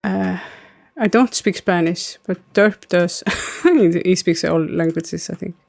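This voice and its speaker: A woman in her thirties from Iceland streams a game and chats casually with viewers, rambling with lots of ums and likes and answering chat. Her Icelandic-accented voice is fairly low, gravelly and darkish, and she talks slowly.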